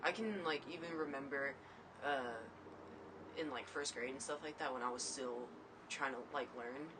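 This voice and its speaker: A young man whose first language is Mandarin Chinese, answering casually with frequent fillers and pauses. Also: mid-range voice, noisy background. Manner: relaxed, hesitant, frequent fillers. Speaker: interviewee. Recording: clear background ambience.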